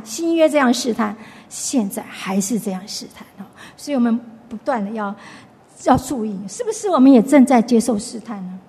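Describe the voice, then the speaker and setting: A woman's voice: on the high side, gravelly, dark tone, slightly rough, in a large hall. A woman giving a chatty Bible lesson, retelling the story and restarting her sentences often. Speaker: Bible study teacher. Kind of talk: conversational Bible teaching.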